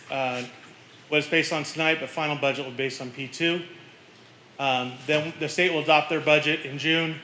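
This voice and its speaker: A man's voice: on the high side, pushed and bright. A man presenting a college's tentative budget to a board, explaining it step by step with some fillers. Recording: echoey meeting room with faint noise.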